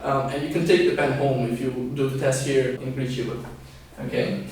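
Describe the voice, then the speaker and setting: A man in his twenties, born in Scotland and partly raised in Brazil, works as an English teacher and pilot and gives a step-by-step instructional video lesson, often checking in with "okay." His voice is medium-pitched, slightly fast and a little mellow. The room is very echoey and the microphone distant.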